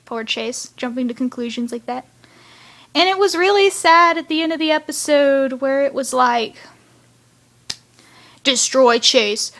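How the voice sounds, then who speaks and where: A woman's voice: sits high, moderate pace, fairly bright tone. A woman rambling through a casual review of a cartoon episode, chatty, with sighs and side remarks. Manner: chatty, rambling, sighing asides.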